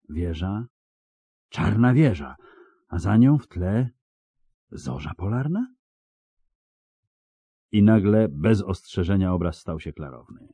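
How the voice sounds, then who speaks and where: A male audiobook narrator tells the story slowly and steadily. His voice is low and mellow, and the recording is dry and close. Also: breathy edge, no room sound. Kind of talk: scripted narration.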